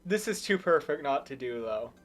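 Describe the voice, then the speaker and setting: A woman giving casual live game commentary as a streamer, excitable, swinging between muttered asides and loud shrieks. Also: deep voice, moderate pace, slight background noise.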